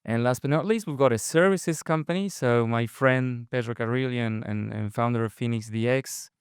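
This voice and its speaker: A man's voice: medium pitch, normal speed, clear, resonant tone, no echo, clean studio sound. A man moderating a conference panel, introducing guests with many fillers and restarts. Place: conference stage.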